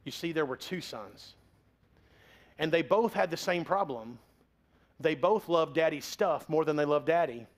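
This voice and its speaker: A man's voice: fairly high pitch, unhurried, pauses often. A man in his forties preaching a sermon as pastor, in a conversational, joking way.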